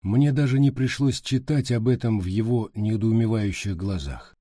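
A man narrating an audiobook in a steady, even storytelling voice. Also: lowish voice, normal speed, no room sound, studio quality. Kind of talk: scripted narration.

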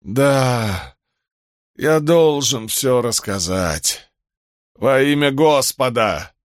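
A man narrates an audiobook in a confessing mood, voicing a frightened, guilt-ridden older doctor who pleads in a trembling way. He pitches the character above his own voice, landing on the high side with lively intonation and an unhurried pace. The studio sound is clean, with no room sound.

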